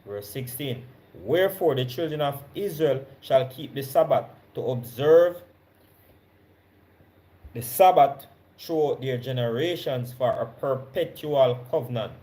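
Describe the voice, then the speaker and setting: A man's voice: mid-range voice, expressive, dark tone. Jamaican man teaching scripture. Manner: reads scripture slowly, stressing key words; conversational, checks in with listeners. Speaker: Bible teacher. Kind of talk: Bible study sermon.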